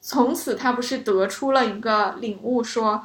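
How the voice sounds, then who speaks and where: A woman co-hosting a casual chat about a classic novel, telling scenes with animated delight and laughing often. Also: a little high, moderate pace, echoey room. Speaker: podcast co-host.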